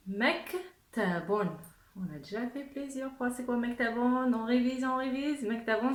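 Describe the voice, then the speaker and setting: Slow, patient woman teaching a lesson. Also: fairly high pitch, echoey room. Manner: patient, encouraging, repeats sounds slowly for learners. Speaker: Arabic teacher. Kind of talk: beginner language lesson.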